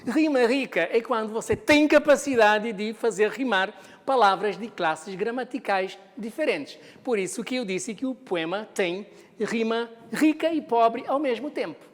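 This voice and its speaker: A woman teaching a televised lesson, explaining step by step and putting questions to the viewer before answering them herself. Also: on the high side. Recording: long reverb of a hall.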